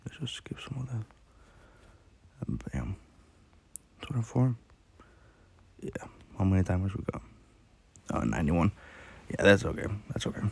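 While playing a mobile game, a man rambles through casual commentary full of fillers and restarts, his throat sore and hoarse. His voice is low and sing-song, a little slow, with frequent pauses.

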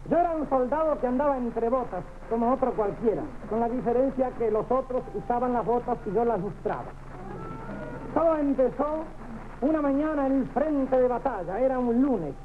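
A clownish, put-upon Argentine soldier in an old TV comedy sketch. His voice is very high, exclamatory and full of cheeky wisecracks. The vintage recording sounds tinny and noisy. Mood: wry, chatty. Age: middle-aged. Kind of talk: 1960s television sketch comedy acting.

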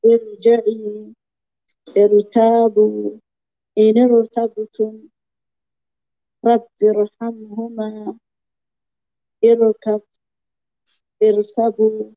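A female student reciting a drill of single words over an online call. Her voice is slightly high and very unhurried. The sound is dull and lo-fi. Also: monotone. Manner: careful, word-by-word reading.

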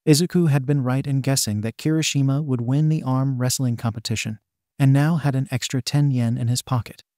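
A man narrating a fan fiction story aloud in a steady, even reading style. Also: medium pitch, fairly quick, dry recording, clean studio sound.

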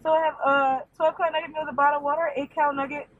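A woman taking orders through a drive-thru speaker box, with polite, quick service patter and hesitant fillers. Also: high-pitched, little pitch movement, a bit bright. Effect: heard through a drive-thru speaker box. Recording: dull, tinny outdoor speaker sound.

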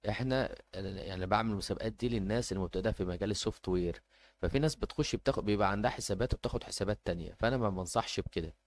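A man's voice: on the low side, rapid-fire. A man with an Egyptian Arabic accent announcing a giveaway informally as host, hesitating and repeating himself as he goes.

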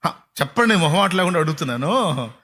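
A middle-aged man preaching with a high-pitched, insistent voice. He keeps firing rhetorical questions at the congregation and repeating his phrases for emphasis. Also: big pitch swings, quick pace, a bit bright, breathy edge. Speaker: pastor. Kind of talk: sermon.

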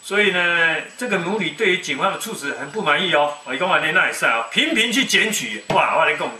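A man in his fifties with a Taiwanese accent, giving folksy, animated commentary on the news. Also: on the high side, fast. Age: 50s. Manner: animated, folksy, mixes Mandarin and Taiwanese Hokkien. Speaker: web TV commentator. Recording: echoey room, distant mic, faint noise.

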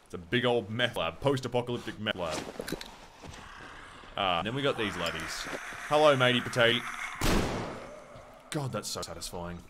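An Australian man talks his way through a video game, muttering asides and swearing when things go wrong. His pitch swings a lot and his delivery is lively. The recording carries a steady hiss of background noise. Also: normal speed, long pauses. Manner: excitable, swearing, mutters to himself. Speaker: gamer. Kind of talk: casual gameplay commentary.

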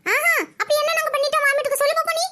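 A nosy, gossiping cartoon auntie with a Kayalpattinam Tamil accent lectures a young bride without pause, voiced by a woman. Her voice sits extremely high and squeaky. She keeps a preachy, meddling tone. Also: fairly even intonation, very noisy. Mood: defensive. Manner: nagging, lecturing. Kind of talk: cartoon voice acting.

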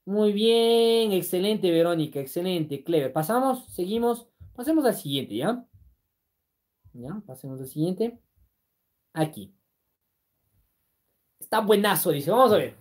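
A woman's voice: lowish voice, lively intonation, a little slow, long pauses, darkish tone. A woman teaching math on a live stream, working through problems step by step, checking in with her students and reading their comments aloud. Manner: explains step by step, keeps checking in with "¿sí?"; reads viewer comments aloud and answers them. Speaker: math exam-prep teacher.

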